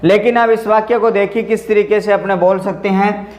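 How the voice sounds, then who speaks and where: A man's voice: sits high, fairly even intonation, moderate pace, a little mellow. A man teaching a grammar lesson for an exam, explaining step by step and repeating the example phrases while he asks and answers his own questions. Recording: roomy echo.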